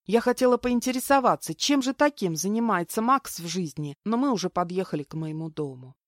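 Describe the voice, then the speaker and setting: A woman giving lively first-person audiobook narration into a close mic. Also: medium pitch, brisk, dry recording.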